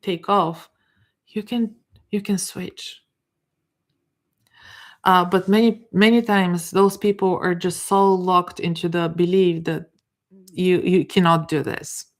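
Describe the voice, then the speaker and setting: Her pitch is on the low side and her tone steady as this middle-aged woman, who has a Bulgarian accent, delivers a live coaching talk. She speaks haltingly and off the cuff, restarting and repeating words in search of what to say.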